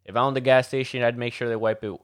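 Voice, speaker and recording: A man's voice: medium pitch, flat delivery, fast talker, clear, resonant tone. A man with a Miami Cuban accent co-hosting a casual chat, joking and switching between English and Spanish. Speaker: podcast co-host.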